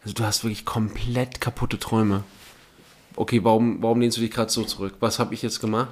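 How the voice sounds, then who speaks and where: A man's voice: fairly low pitch, flat delivery, fairly quick. Young man, teasing, mock-argumentative, casual podcast chat. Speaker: podcast co-host.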